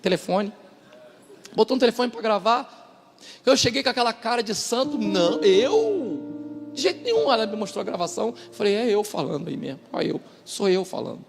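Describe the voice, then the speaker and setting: A man's voice: sits high, a little fast, gravelly. A man, a pastor giving a dramatic testimony, acting out the voices of the people in his story. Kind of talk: testimony sermon. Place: church hall. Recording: church hall with long reverb and music behind.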